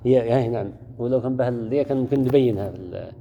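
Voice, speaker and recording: A man's voice: medium pitch, rapid-fire, creaky, a little hiss or hum. A man teaching a class, repeating key words and putting questions to his students. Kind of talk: classroom lesson on Quran orthography. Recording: dull lo-fi recording in a reverberant hall.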